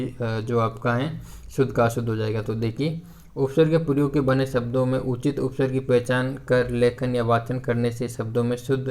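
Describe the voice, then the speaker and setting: Man teaching a flat-toned grammar lesson. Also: mid-range voice. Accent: Hindi. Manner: hesitant, many "uh" fillers and restarts; repetitive corrective phrasing. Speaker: exam prep teacher.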